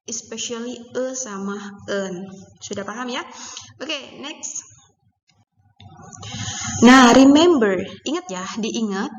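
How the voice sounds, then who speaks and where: A woman with an Indonesian accent teaching English grammar, slowly spelling out letters and repeating examples. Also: fairly high pitch. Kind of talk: explaining English grammar lesson. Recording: roomy, reverberant, dull with faint noise.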